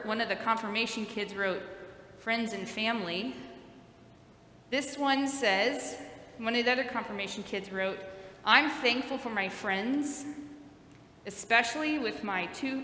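A woman's voice: fairly high pitch, sharp tone, slight background noise. A woman pastor speaking sweetly and patiently in simple phrases, like a Sunday school teacher giving a children's sermon in church. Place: large indoor church sanctuary. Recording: echoey church hall with long reverb.

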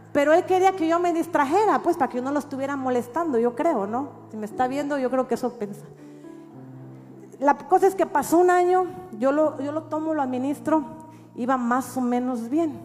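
A middle-aged woman pastor with a Mexican accent, telling a testimony in a sermon with animated storytelling that rises at times to shouts. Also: high voice. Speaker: pastor and prophet. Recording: reverberant hall with faint music.

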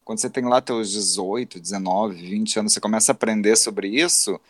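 A man's voice: lowish voice, fairly quick, no room sound, studio quality. A man in his thirties with a Brazilian accent, co-hosting a casual podcast chat. He is reflective and self-critical, and he often restarts his sentences. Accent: Brazilian Portuguese. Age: 30s.

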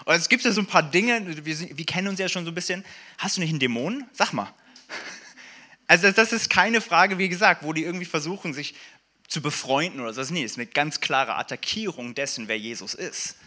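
A man with a bright, slightly high voice preaches a sermon at a church service. He talks in a loose, animated way, full of fillers and little jokes, and reads scripture passages aloud. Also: quick pace.

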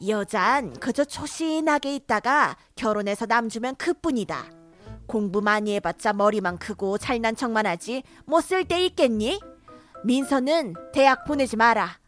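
A woman's voice: on the high side, animated, moderate pace. A woman voicing a domineering older mother-in-law who scolds sharply and favors her grandson, in a cartoon drama. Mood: dismissive. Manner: scolding, sharp, rising to shouts. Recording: faint background music.

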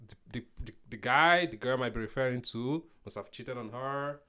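A man's voice: medium pitch, moderate pace, bright, forceful tone, clear, resonant tone. A young man from Nigeria, a podcast guest, talking casually and hesitantly, searching for words with lots of fillers. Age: young adult. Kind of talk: casual conversation.

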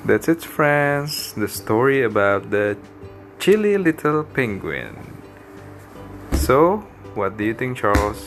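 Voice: mid-range voice, big pitch swings, slow, soft background music. An adult hosting a children's story show, talking simply and encouragingly to young viewers as friends. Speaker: host of a children's read-aloud video.

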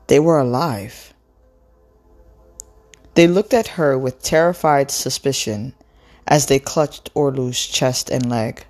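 A woman reading a novel aloud in a slow, expressive storytelling way. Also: rumbling low. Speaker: book reader.

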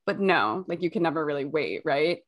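A woman's voice: sits low, expressive, fairly quick. A hungover young woman co-hosting a podcast, chatting casually and telling stories in a candid, self-mocking way with loose swearing. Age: young adult. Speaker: podcast co-host.

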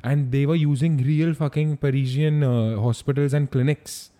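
A man's voice: mid-range voice, fairly even intonation, normal speed, dark tone. A young man with an Indian accent chatting casually, using slang and often repeating phrases for emphasis. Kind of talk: casual chat.

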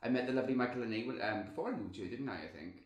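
A man's voice: medium pitch, quick pace, muffled recording. A man in his thirties with a Swansea Welsh accent, chatting casually in a rambling, colloquial, self-deprecating way as a guest. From Swansea, Wales. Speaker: podcast guest, drag performer. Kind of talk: casual chat. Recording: echoey room.

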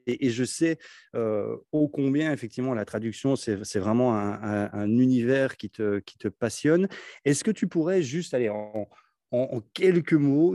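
A man's voice: mid-range voice, warm tone, no room sound, studio quality. A man hosting a podcast interview, chatty and rambling, with lots of fillers and restarts. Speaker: podcast host. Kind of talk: podcast interview with scripted intro.

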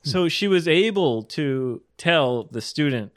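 Man co-host, slow unhurried talk, lively pitch, dry close mic, teasing. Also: no echo. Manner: teasing, joking, slow and drawn out. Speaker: podcast co-host, English speaker. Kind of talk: casual bilingual chat.

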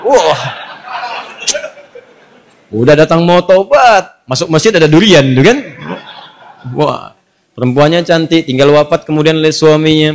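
A man preaching a storytelling sermon in a lively, playful way, often putting questions to the audience. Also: a little high.

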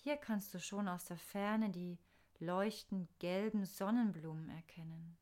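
A woman narrating a scripted guided meditation in a soft, soothing, unhurried manner with pauses. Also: medium pitch, fairly even intonation.

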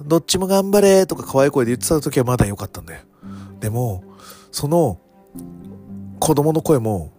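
Male podcast host, mid pitch, very animated delivery, casual monologue with faint music underneath. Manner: animated, dramatic, swings between loud alarm and hushed whispers. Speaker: podcast host reviewing wrestling shows.

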